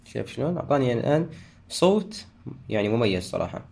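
A man hosting a software tutorial, talking through each step and correcting himself as he goes. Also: mid-range voice, big pitch swings, fast talker, gravelly. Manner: talks through steps, frequent restarts and self-corrections. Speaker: tutorial host. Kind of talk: screen-recorded software tutorial.

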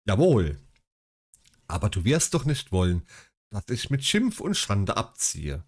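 A man's voice: lowish voice, huge pitch swings, measured pace, breathy edge, full character voice. A man reading the lines of a spoiled young son pleading for money in a storybook.

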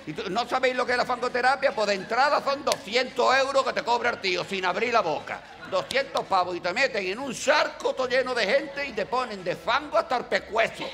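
A man telling a comic story in a stand-up monologue, acting out the dialogue quickly. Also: sits high. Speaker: stand-up comedian.

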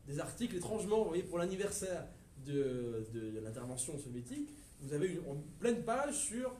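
A man with a French accent giving a history lecture to a live audience, lively and digressive, with hesitations and asides to the listeners. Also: fairly high pitch, moderate pace, a little hiss or hum. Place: lecture room at a university research center. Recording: echoey lecture room from far off, faint ambience.

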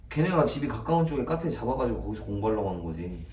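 A man's voice: medium pitch, sing-song, very fast, dark tone, heavy reverb, far from the mic, low-quality recording. A young man in a comedy skit, talking in a flustered, pleading way with lots of stammering.

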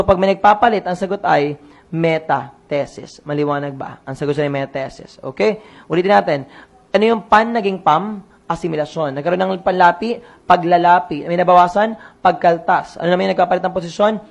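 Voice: mid-range voice, normal speed, creaky. A coach running an online exam review lesson, quizzing the listeners and repeating each answer to drill it in.

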